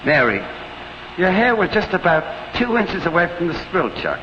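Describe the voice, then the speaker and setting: A man's voice: high-pitched, very animated, normal speed, sharp tone, exaggerated voice. An actor playing a firm, by-the-book American factory foreman in a 1940s instructional film. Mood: patient, explaining. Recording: muffled, noisy, reverberant old film soundtrack.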